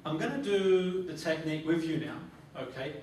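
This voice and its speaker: This phobia therapy trainer has a slightly mellow voice that sits on the high side, and he talks at an ordinary pace. He is demonstrating guided relaxation to a group, instructing them and repeating phrases. Sound comes from a distant mic in a very echoey training room, with faint noise.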